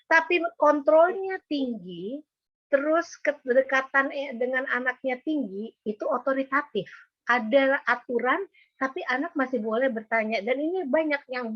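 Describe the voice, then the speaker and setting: An older woman speaks as a psychologist in a parenting webinar. She explains things patiently and fills her pauses with small hesitations. Her voice sits a little high, and the video call audio is dull and dry. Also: a bit bright, no room sound. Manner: patient explanatory lecturing with frequent fillers. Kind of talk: webinar talk.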